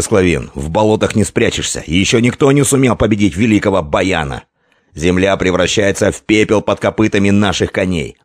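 A man reading an audiobook and voicing an arrogant, menacing Avar envoy who shouts threats in a high, strained roar. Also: no room sound, studio quality. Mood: haughty, threatening.

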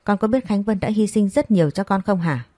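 A woman's voice: mid-range voice, lively intonation, brisk, warm tone, no room sound, studio quality, natural voice. Scolding middle-aged mother, read by a woman. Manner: harsh scolding.

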